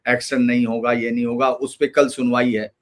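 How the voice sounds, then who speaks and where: A man's voice: medium pitch, level tone, normal speed. A man giving emphatic political commentary in a loose, run-on conversational manner.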